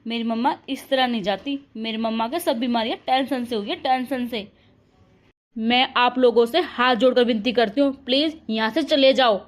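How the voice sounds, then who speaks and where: A woman voicing an angry grieving daughter who loudly accuses her relatives in a cartoon story. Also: on the high side, lightly acted. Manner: loud, accusing, fast.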